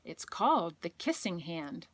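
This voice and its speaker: A woman voicing a tender mother raccoon in a storybook read to a toddler, gently soothing and reassuring. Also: fairly low pitch, big pitch swings, unhurried, husky, exaggerated voice.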